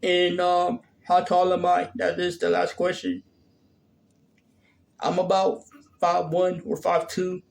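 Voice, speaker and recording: Hesitant man in his thirties, flat creaky voice. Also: sits high, slow, pauses often. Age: 30s. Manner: hesitant, many fillers and restarts. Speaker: vlogger. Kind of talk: casual Q&A vlog.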